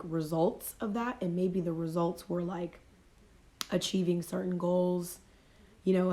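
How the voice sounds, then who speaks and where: This is a woman's voice on the low side with a dark tone: a life coach with a cold, her voice fading, speaking casually and reflectively in a motivational home livestream on her phone. She keeps repeating and rephrasing her points.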